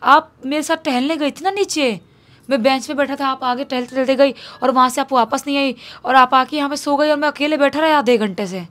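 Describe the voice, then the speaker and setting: A woman's voice: sits high, brisk, fairly bright tone, pitched above the performer's own voice. A woman voicing a frightened young boy who urgently pleads with his mother. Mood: complaining.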